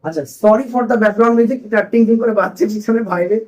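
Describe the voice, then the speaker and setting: A man's voice: high voice, normal speed, a little mellow, poor audio. Man teaching, quizzing his class. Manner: quizzing students with repeated questions. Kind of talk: classroom grammar lesson.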